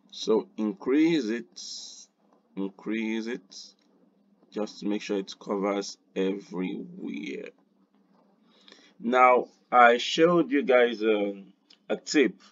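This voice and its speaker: A man hosting a screen-recorded design tutorial, unhurried and thinking aloud with quiet muttered asides. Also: lowish voice, no room sound, dull audio.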